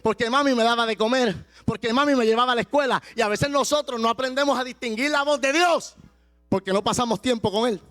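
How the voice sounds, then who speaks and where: High-voiced preaching man, soft music under. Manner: impassioned preaching, slows and shouts for emphasis. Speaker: pastor. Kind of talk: sermon.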